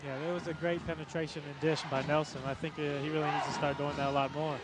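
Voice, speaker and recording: A man adding relaxed side remarks during a live basketball broadcast. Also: fairly high pitch, fast, background noise. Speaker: commentator. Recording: archival broadcast buried in loud crowd. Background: very loud arena crowd.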